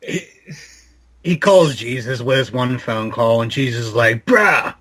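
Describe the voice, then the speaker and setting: A man's voice: mid-range voice, measured pace, no echo. A man guesting on a casual comedy podcast, cracking dry jokes. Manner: dry jokes, does a laid-back surfer voice in bits.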